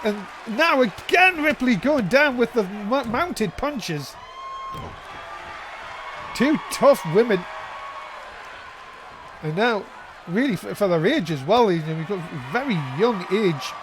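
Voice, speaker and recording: A man calling a wrestling match play-by-play as a commentator, in an excitable, exclaiming manner. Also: high voice, slow, long pauses. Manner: excitable, exclaiming at big moves. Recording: loud crowd noise behind commentary. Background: noisy crowd.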